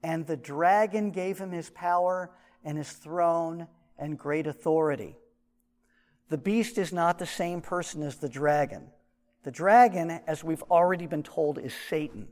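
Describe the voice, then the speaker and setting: Male Bible teacher, high voice, muffled pocket recording, long hall reverb. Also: unhurried, a little mellow. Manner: conversational, explaining with asides. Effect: muffled, recorded from a shirt pocket.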